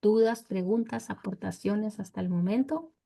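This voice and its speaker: Woman, Bible study teacher, measured explanatory delivery, invites questions. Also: medium pitch, creaky, dark tone.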